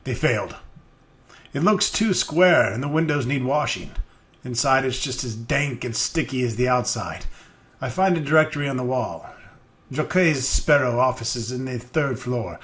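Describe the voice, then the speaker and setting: Profane deadpan let's player man. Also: mid-range voice, normal speed. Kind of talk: reading game text aloud with crude jokes.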